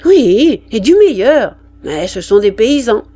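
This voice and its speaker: A woman doing a brisk, drawling army canteen woman. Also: on the high side, very animated, mellow, no echo, full character voice. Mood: matter-of-fact. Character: brisk, practical female army canteen-keeper.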